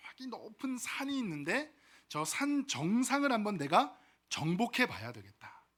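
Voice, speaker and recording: A man's voice: high-pitched, big pitch swings, normal speed, fairly bright tone. A middle-aged male pastor preaching a sermon, telling a story with dramatic flair.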